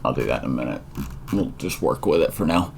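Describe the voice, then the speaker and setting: A man's voice: a bass voice, expressive, fast talker, creaky, a little mellow, a little hiss or hum. A tired man thinking aloud with many fillers as he walks through a coding tutorial, a yawn never far off. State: tired and yawning. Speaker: tutorial presenter. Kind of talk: casual screen-recorded coding tutorial.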